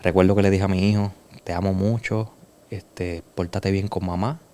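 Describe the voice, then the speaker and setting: A Puerto Rican man giving an earnest, emotional personal testimony as a guest in a conversation, dropping soft and slow at heavy moments. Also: sits low, fairly even intonation. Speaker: podcast guest.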